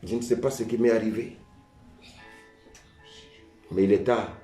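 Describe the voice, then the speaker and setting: A man's voice: on the low side, fairly even intonation, measured pace, mellow, echoey room, faint music behind. A man preaching a sermon as pastor, often saying "beloved" and calling for the congregation's answer. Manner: preaching with call-and-response; repeats "bien aimé" often.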